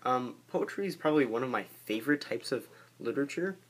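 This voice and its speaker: A man's voice: medium pitch, lively intonation, fast talker, breathy edge. A young man talking eagerly about a favorite poem and reading it aloud, often restarting his sentences. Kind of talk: casual talk and poetry reading.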